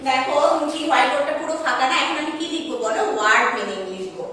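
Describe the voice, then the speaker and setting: A woman's voice: sits high, lively intonation, very fast, sharp tone, slight background noise. A woman teaching an online primary school English class at a whiteboard, spelling words letter by letter and answering her own questions. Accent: Bangladeshi Bengali. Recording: echoey room, mic far off.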